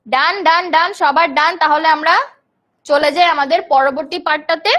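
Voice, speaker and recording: A young woman from Bangladesh leads a live online English grammar class. Her voice sits high and clear. She explains each term patiently and answers students' comments as they come in. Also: steady tone, normal speed, a bit bright. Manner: explains terms in Bengali, reads student comments aloud.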